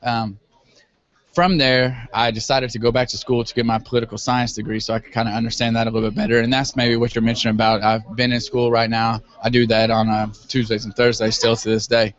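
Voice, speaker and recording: A man's voice: medium pitch, little pitch movement, quick pace. A man speaking as an interview guest, explaining his business field in an earnest, somewhat hesitant, casual way. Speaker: guest, web business owner. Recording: dull, lo-fi audio.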